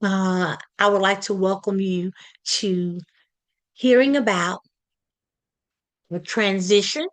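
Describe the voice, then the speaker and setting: A woman from Texas, giving a halting community presentation full of fillers and restarts. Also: medium pitch. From Palestine, Texas. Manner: hesitant, many fillers and restarts. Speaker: community project leader presenting.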